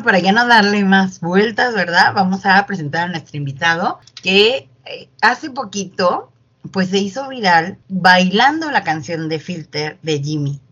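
A woman's voice: medium pitch, fairly bright tone, husky, lo-fi sound. A woman co-hosting an interview, chatting casually with lots of fillers as she asks the guest questions. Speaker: co-host.

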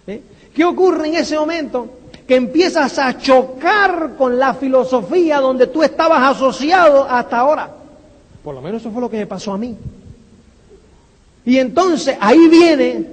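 A man giving a motivational talk, firing rhetorical questions and tagging lines with a quick "eh?". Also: very high voice, breathy edge. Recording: long hall reverb.

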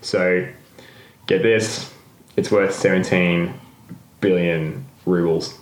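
A man's voice: low-pitched, fairly even intonation, slow pace. A man co-hosting a podcast in casual chat, rambling and laughing often as he corrects himself. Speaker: podcast co-host. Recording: roomy echo.

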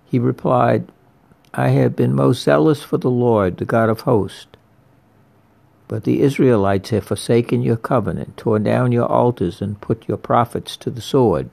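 A man preaching a slow, deliberate sermon, repeating his key phrases for weight. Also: mid-range voice, vocal fry, darkish tone. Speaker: priest.

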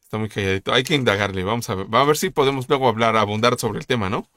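A man's voice: mid-range voice, fast talker, pushed and bright. Friendly rambling man hosting. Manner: friendly, rambling with many fillers. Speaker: podcast host. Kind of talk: casual chat.

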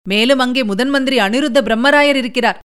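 A woman voicing a cautious, deliberate older male army chief who speaks in a measured way, weighing each point. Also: sits high, a bit bright, smooth. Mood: grave.

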